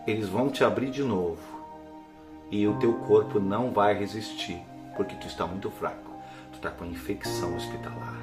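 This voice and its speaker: A man voicing a solemn warning angel in a low, hushed voice. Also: moderate pace, loud music behind the voice, natural voice. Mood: grave warning. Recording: echoey hall with faint instrument.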